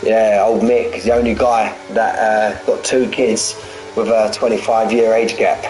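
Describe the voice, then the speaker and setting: A man in his forties, a sim racing commentator and streamer, calls a race live in a lowish, level, slightly mellow voice at a measured pace. The audio is poor, with soft background music, and he's chatty and jokey, repeating phrases and bantering with viewers between the action.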